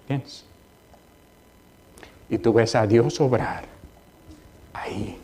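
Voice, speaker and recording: A man preaching to his church congregation at a medium pitch, talking like he is chatting with friends. He climbs high and loud when he exhorts, then drops low and quiet when he tells a personal story, and keeps checking in with his listeners. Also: very slow, a little hiss or hum. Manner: conversational preaching with personal anecdotes, often asking "¿entiendes?". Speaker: pastor. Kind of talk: sermon. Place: church sanctuary.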